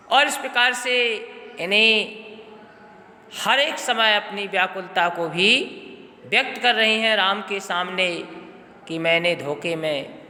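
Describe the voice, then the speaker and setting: A man teaching a poetry lesson, his voice high and very bright, unhurried and deliberate as he goes through the meaning of each word. The sound is a roomy, echoing space with a long tail of reverb behind every phrase. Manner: measured, explanatory, glosses words one by one. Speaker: Hindi teacher. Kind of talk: recorded lesson explaining a poem. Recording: echoey room with long reverb.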